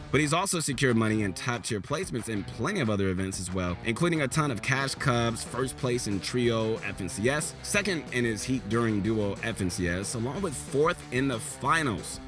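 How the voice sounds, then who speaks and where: A man's voice: medium pitch, a bit bright. A man hosting a scripted gaming countdown as a coach, talking in a hyped, motivational, slangy way. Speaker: host and coach.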